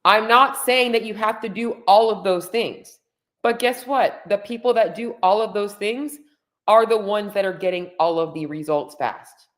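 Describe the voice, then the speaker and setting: A woman in her forties coaching diet and fitness on a livestream, blunt and emphatic, with an over-caffeinated high energy. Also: moderate pace. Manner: blunt, salty-tongued. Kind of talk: casual motivational livestream talk to viewers. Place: room at home.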